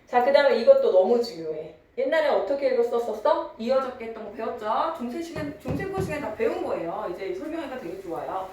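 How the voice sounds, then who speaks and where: A woman's voice: fairly high pitch, animated, quick pace, few pauses, mellow, very echoey, distant mic, slight background noise. A young woman teaching a literature lecture, chatty and teasing, mixing casual and polite speech. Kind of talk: online lecture.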